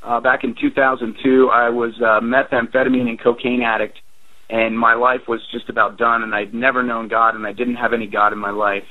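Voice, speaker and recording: A man's voice: medium pitch, little pitch movement, brisk. A man in his forties, a band's drummer, talking earnestly with lots of fillers as a guest on a radio interview. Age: 40s. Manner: rambling, earnest, with many fillers. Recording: tinny phone line.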